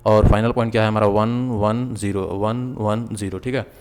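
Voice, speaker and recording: A man's voice: on the low side, steady tone, normal speed, a little mellow, clean tone, long reverb tail. A man teaching a physics lesson online, explaining step by step, mixing English into Hindi and often checking that viewers follow. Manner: mixes English terms and sentences into Hindi. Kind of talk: online lecture.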